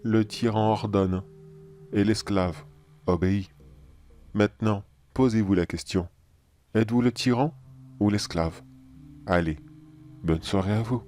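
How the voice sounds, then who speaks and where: A calm, sage cannibal anomaly, voiced by a man in a horror audio drama. His low, dark voice stays measured and politely menacing. Faint music plays behind him. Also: natural voice.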